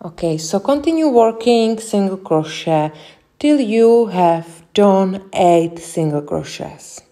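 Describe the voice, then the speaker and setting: Slow, careful Czech woman teaching crochet. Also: medium pitch, lively intonation, dark tone. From Czech Republic. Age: young adult. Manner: slow, careful, with many hesitations. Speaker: crochet tutorial host. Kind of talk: step-by-step craft instruction.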